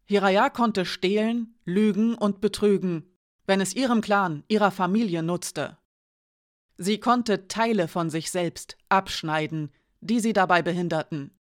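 A woman narrating a novel aloud in a calm, measured style. Her voice sits at an ordinary middle pitch and moves steadily through the prose. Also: dry recording, clean studio sound. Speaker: audiobook narrator. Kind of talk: scripted narration.

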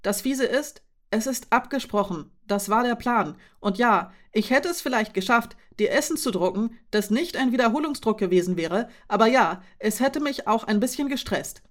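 A woman's voice: on the high side, lively intonation, moderate pace, hardly any pauses, pitched above the performer's own voice, close to an everyday voice. A woman reading aloud voices a frustrated young woman who is angry about her dependence, speaking in a heated, raised voice.

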